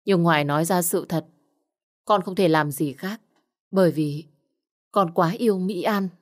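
A woman's voice: on the low side, a little slow, natural voice. Polite apologetic young man, read by a woman. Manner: polite, pleading.

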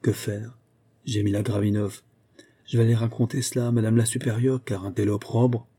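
Panicky older schoolmistress, as a man reads her, dark, husky, pleading, audiobook. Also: fairly low pitch, little pitch movement, brisk. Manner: fearful, pleading. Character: anxious aging female class mistress.

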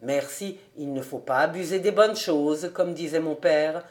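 A woman's voice: a little slow, a little mellow. Woman doing a teasing, jovial man. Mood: warm. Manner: low, easygoing, bantering. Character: jovial middle-aged man, teasing, good-humoured.

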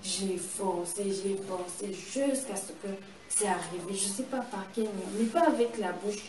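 A woman's voice: medium pitch, a little slow. Woman telling a vivid testimony, echoey. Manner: vivid storytelling, acts out what happened. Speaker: guest giving a testimony. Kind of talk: personal testimony in conversation. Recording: echoey and distant with noise.

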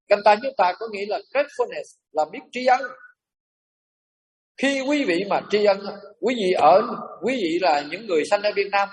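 A man preaching as a Buddhist monk, emphatic and animated, dropping in English and French terms. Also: sits high, distant mic. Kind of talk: sermon to a congregation.

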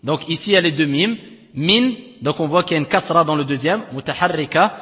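A man giving a recited-text lesson in a step-by-step teaching style, often checking that his students follow and chanting examples slowly. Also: fairly high pitch, sharp tone, in a large hall. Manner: explains step by step, often checks with "d'accord?" and "clair?". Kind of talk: recorded tajwid lesson.

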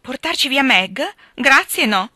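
A woman reading aloud, voicing a spirited, quick-tempered tomboyish teenage girl who bursts out indignantly. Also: mid-range voice, pushed and bright, no echo, clean studio sound, close to an everyday voice.

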